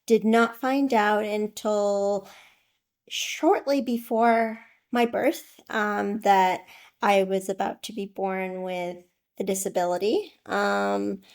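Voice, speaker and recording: A woman's voice: mid-range voice, fairly even intonation, slow, creaky. A woman in her twenties from Iraq, a podcast guest telling her story thoughtfully and candidly. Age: 20s. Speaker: guest, author. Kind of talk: interview.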